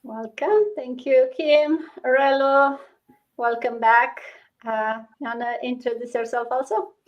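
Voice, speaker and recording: A woman's voice: high-pitched, steady tone, takes it slowly, dull audio. A woman hosting a live online interview, welcoming her guests in a loose way with fillers. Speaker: host.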